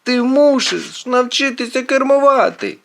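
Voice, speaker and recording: A man's voice: medium pitch, sing-song, a little slow, a bit bright, slight background noise. A precise, bookish teenage boy with a fussy, lecturing way of talking, as a man reads him in an audiobook. The voice sits well above a grown man's and swings up and down as he explains things. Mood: alarmed. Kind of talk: audiobook character voice.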